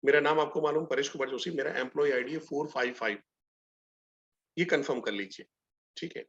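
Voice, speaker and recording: Middle-aged male trainer, higher pitched, animated storyteller, muffled lo-fi webinar audio. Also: brisk. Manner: animated storytelling, acts out both sides of dialogues. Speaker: sales trainer. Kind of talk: live online training session.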